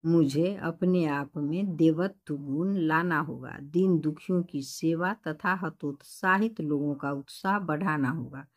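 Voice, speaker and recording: A woman teacher reading out textbook questions and dictating the answers slowly and carefully. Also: sits low. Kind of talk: explaining textbook answers to a class.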